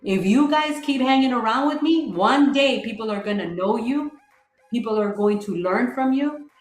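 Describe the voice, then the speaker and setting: A woman real estate coach giving an energetic, repetitive motivational talk on a livestream, quizzing viewers in the chat. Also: on the high side, moderate pace, reverberant, faint music behind, poor audio. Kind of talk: live-streamed motivational coaching.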